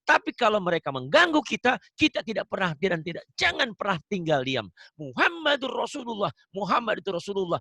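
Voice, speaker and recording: A man teaching the Quran online chants verses slowly and melodically. He explains them in an animated, emphatic way, with his voice rising sharply on key points. His voice sits high for a man, and the sound is dry and close to the mic. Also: gravelly, no echo. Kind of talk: Quran recitation and religious teaching. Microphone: video call.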